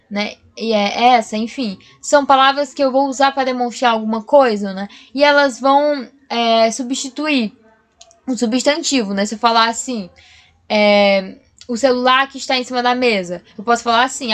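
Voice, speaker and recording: A woman with a high voice teaches a recorded grammar lesson. She explains patiently, one point at a time, and keeps checking in with her class. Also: fairly bright tone.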